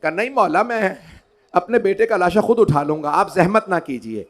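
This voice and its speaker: A man leading a mourning majlis at a large outdoor gathering, moving from hushed, low storytelling to loud, wailing cries as he acts out the dialogue in his story. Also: expressive, normal speed. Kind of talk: impassioned majlis sermon recitation.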